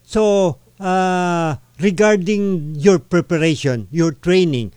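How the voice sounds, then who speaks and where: A Filipino man hosting a radio boxing program, mixing Tagalog and English with frequent filler pauses as he interviews a boxer. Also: sits high, darkish tone, smooth, dry recording, clean studio sound. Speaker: radio boxing show host.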